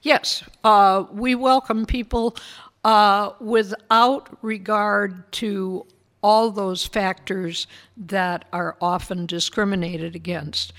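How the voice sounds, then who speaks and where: An older woman minister answering interview questions in a measured, thoughtful way, explaining things patiently. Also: mid-range voice, steady tone, fairly bright tone.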